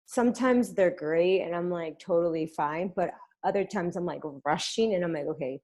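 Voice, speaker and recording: A woman hosting a podcast interview, telling stories animatedly and laughing easily. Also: fairly low pitch. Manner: animated storyteller, quick to laugh. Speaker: podcast host. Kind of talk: casual conversational interview.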